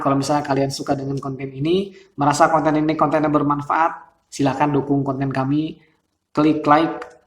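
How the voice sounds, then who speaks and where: A male host, talking casually and chattily about vocal character with frequent laughs and fillers. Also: a little high. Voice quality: describes his voice as thin and reedy. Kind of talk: casual explanatory talk. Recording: roomy echo.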